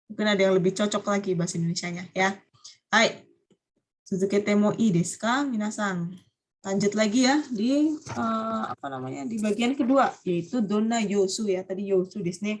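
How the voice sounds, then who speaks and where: A woman holds a vocabulary lesson on a video call, explaining patiently, frequently questioning her students and dropping in Japanese words. Her voice is mid-range, with a little hiss or hum in the background.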